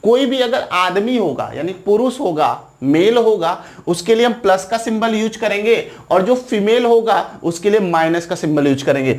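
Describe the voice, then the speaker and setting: This male lecturer has a high, expressive voice and talks at a normal speed with hardly any pauses. Teaching exam students, he asks the viewer questions, supplies the answers, and keeps repeating himself, frequently tossing in "right?" or "theek hai na."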